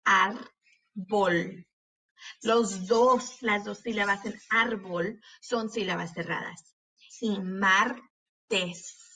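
A woman teacher gives a slow, careful reading lesson for children. She sounds out each syllable and spells words letter by letter. Her voice is bright and a little breathy. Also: mid-range voice.

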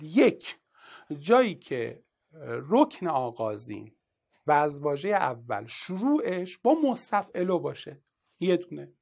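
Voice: medium pitch, darkish tone. Teacher explaining step by step. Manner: explains step by step, asking rhetorical questions; casual, colloquial teaching talk. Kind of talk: exam-prep literature lesson.

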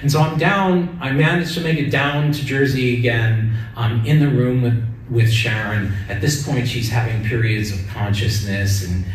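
A man's voice: mid-range voice, fairly even intonation, normal speed, slight background noise. A middle-aged man speaking as a keynote speaker at a lectern, earnest and personal, often checking in with "right?". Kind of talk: conference keynote talk. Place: large conference hall, at a lectern. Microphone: lectern mic, recorded from the audience. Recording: very echoey hall from far off.

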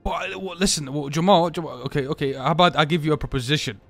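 A flustered underling musician played by a man in a crime game role-play, in a slightly high voice. He stammers, hesitates and pleads, close and dry over faint music. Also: fast talker, fairly bright tone, no echo. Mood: pleading, bargaining. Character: flustered underling musician making excuses to his boss.

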